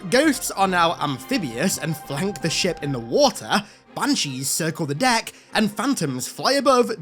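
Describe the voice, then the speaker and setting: An enthusiastic gaming host reads scripted commentary. The delivery is animated and emphatic, fond of hyperbole, with faint music underneath. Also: mid-range voice. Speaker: video host and game reviewer.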